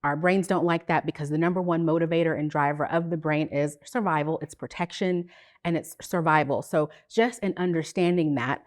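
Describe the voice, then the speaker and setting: A woman with a somewhat low voice speaks as a psychotherapist guest on a podcast. She explains things in a measured, teacherly way. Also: fairly even intonation, a little mellow. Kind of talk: podcast interview.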